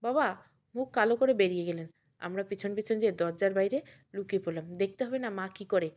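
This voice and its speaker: A woman storyteller narrating an emotional family story in a steady voice. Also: mid-range voice, a little fast.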